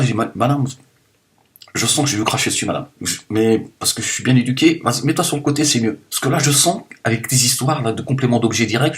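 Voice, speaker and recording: A man talking straight to his viewers in a loose, rambling monologue, joking and swinging between loud bursts and low mumbles. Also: a little hiss or hum. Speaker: video blogger.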